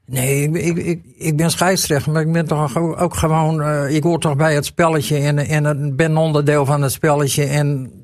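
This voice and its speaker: A man's voice: a little high, little pitch movement, moderate pace, few pauses, no echo, studio quality. A retired man in his sixties, an amateur football referee, chatting as a guest and stumbling over repeated words. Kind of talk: casual radio chat.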